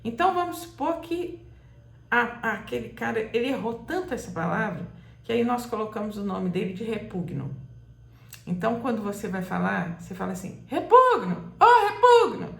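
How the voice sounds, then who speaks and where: A woman teaching a grammar lesson, patient and repetitive, sometimes calling out words loudly to show the stressed syllable. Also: medium pitch, lively intonation, normal speed, gravelly. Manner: patient, repeats examples, calls out words loudly to demonstrate stress. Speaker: Portuguese teacher. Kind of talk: slow explanatory grammar lesson. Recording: echoey room.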